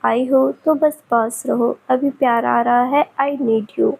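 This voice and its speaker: A woman's voice: a little high, steady tone, slow pace, vocal fry, slightly rough, full character voice, poor audio. A woman reading a feverish, tender young man. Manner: soft, soothing.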